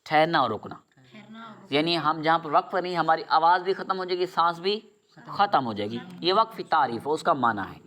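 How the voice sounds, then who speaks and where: A man's voice: on the high side, animated, pushed and bright. A man teaching Quran reading, stating a rule, asking his pupils what to do, and repeating their answers back. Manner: asks a question after each rule and repeats the answer. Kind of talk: drilling lesson with call-and-response questions.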